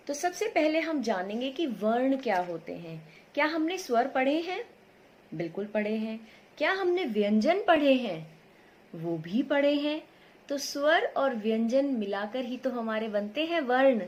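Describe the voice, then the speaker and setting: A woman teacher giving a patient online lesson to young children, asking questions and answering them herself, and drawing out sounds so they can be copied. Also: a little high. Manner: stretches sounds out to model pronunciation.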